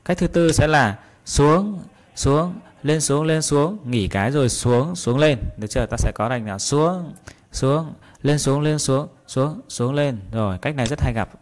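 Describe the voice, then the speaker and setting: A man from Vietnam teaching a guitar lesson, patiently calling out strum patterns and repeating them slowly. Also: mid-range voice, expressive, a little mellow. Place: guitar class room.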